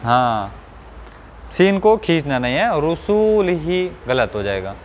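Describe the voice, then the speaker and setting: A man's voice: on the high side, sing-song, slight background noise. Patient man chanting syllables for students. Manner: patient, repeats each syllable slowly in a sing-song chant; explains rules in quick bursts between drills. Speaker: Quran reading teacher. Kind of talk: live Quran recitation lesson, drilling syllables.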